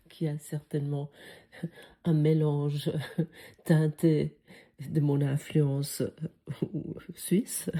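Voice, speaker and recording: A low-voiced woman with a foreign accent carrying a Swiss tinge gives a reflective spiritual lesson. She speaks slowly and hesitantly, filling pauses as she muses. Her tone is very dark and mellow. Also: little pitch movement. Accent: foreign French accent with Swiss tinge. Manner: hesitant, many fillers, musing. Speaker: spiritual course teacher.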